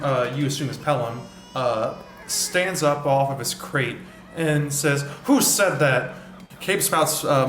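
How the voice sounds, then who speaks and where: Male game master, middle pitch, loose rambling narration, echoey room sound. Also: a bit bright. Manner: rambling, many fillers and restarts.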